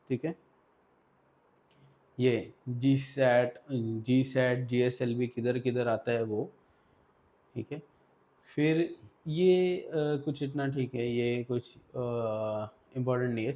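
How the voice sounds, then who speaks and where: A man's voice: on the high side, darkish tone. A man teaching an exam revision lesson in a casual, directive way, often checking in with his students. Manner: casual, directive, Hindi-English mix, repeats "ठीक है".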